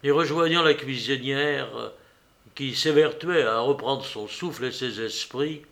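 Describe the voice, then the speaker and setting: A man narrating a novel in a steady, calm voice of middling pitch. He moves through the prose evenly, in a plain storytelling manner. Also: a little slow, gravelly. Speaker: audiobook narrator. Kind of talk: reading a French novel aloud.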